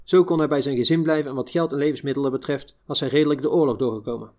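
A man reading a first-person wartime memoir aloud in a measured, unhurried way. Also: medium pitch, a little mellow. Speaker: reader of a memoir.

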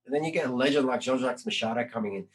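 A man's voice: medium pitch, rapid-fire, poor audio. A man hosting a casual podcast conversation, talking in a rambling way with many fillers. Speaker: podcast host.

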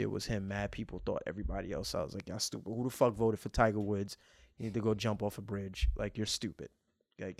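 A man hosting a podcast, telling a story as a profane, animated rant full of acted-out reactions. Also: fairly low pitch, no echo, clean studio sound. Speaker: podcast host.

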